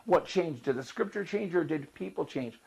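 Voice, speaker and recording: A man's voice: a little high, lively intonation, moderate pace, vocal fry, a little mellow, breathy edge, rough recording. A male pastor, speaking in an interview in an emphatic, rhetorical sermon style. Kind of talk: interview, preaching tone.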